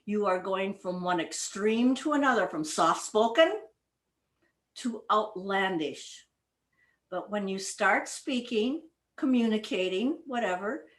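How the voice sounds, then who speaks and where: A woman presenting a public-speaking lesson at a speaking club, talking deliberately and demonstrating emphasis and pauses. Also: medium pitch. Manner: deliberate and demonstrative, varies loudness and pauses for effect. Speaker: Toastmasters education presenter. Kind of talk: instructional talk on public speaking.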